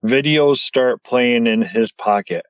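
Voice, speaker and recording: Excitable man stumbling over his words. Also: mid-range voice, slow, no echo, lo-fi sound. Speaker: podcast guest. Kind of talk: excited storytelling.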